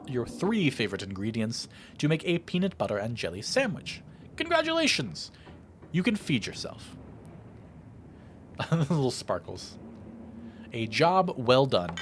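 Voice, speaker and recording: A little hiss or hum sits under this man's medium-pitched voice. Hosting a let's play, he performs the game text aloud with expressive drama and chats casually about what's happening.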